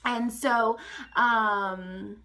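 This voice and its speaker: A young woman telling a rambling, profane storytime to her viewers, full of "like" and "guys" and quick laughs. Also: fairly high pitch, steady tone, pushed and bright. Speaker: storytime vlogger. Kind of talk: casual storytime vlog.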